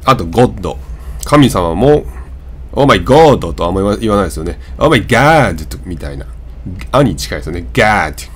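A man's voice: deep voice, expressive, fast talker. A man whose first language is Japanese, casually teaching English pronunciation and drawing out vowel sounds as examples. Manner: demonstrates vowel sounds, repeating and drawing them out. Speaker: channel host.

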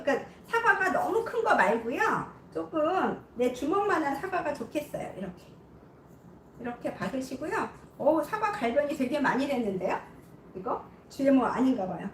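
High, lively woman demonstrating baking. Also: slight background noise. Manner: chatty, keeps checking viewers can see. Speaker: home cooking host. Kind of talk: cooking demonstration. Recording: echoey room, distant mic.

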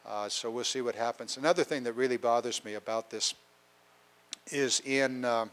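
A man's voice: mid-range voice, moderate pace, a bit bright. An older man speaking at a town hall with a handheld mic in a council chamber, plainspoken with many fillers, getting a cold. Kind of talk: public town hall talk. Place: large council chamber with an audience.

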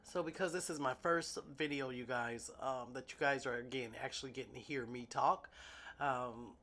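Sitting at her nail desk indoors, a sick, sniffly, congested woman unboxes nail gel and talks to her viewers as "y'all," chatty and amused with herself. This nail artist vlogger has a very deep, slightly bright voice and speaks at normal speed.

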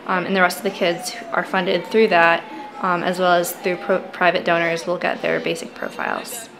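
An American woman in her twenties, a charity coordinator, explaining her work in a relaxed way with frequent ums. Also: on the low side, moderate pace, vocal fry, noisy background. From United States. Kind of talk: casual explanatory talk.

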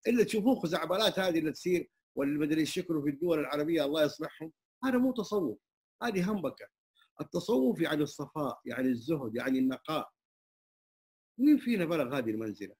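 Interviewed in a community hall, an older Saudi traditional singer and muezzin talks openly in a Hijazi Arabic accent. His fairly high voice is expressive, rapid-fire, slightly mellow and breathy at the edges, and his humble, emphatic speech is full of religious phrases.

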